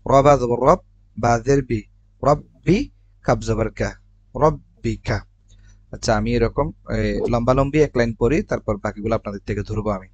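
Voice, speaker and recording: A Quran reading teacher from Bangladesh gives a step-by-step recitation lesson, spelling out each letter and vowel mark before blending them into syllables. His middle-pitched, darkish voice moves at normal speed with frequent pauses. The recording is close, dry, dull and without room echo.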